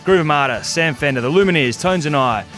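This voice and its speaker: A man's voice: a little high, expressive, fairly bright tone, faint music behind. An Australian man co-hosting a radio show, talking casually with lots of fillers and restarts. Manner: easygoing, halting with many fillers. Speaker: radio co-host. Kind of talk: casual radio sports chat.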